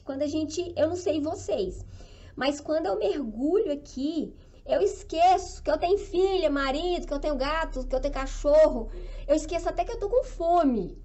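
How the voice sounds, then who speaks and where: A woman's voice: high-pitched, a little mellow. A Brazilian woman hosting a live stream on flower arranging, talking in an enthusiastic, motivational way and often checking in with her viewers while she works on an arrangement. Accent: Brazilian Portuguese. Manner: enthusiastic, upbeat, keeps checking in with the audience.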